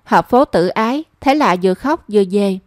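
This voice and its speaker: A woman's voice: medium pitch, expressive, moderate pace, no room sound, clean studio sound, natural voice. A woman reading a young man's lines in a story, his speech pleading and self-reproaching. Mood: rueful. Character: lovesick young man, pleading and rueful.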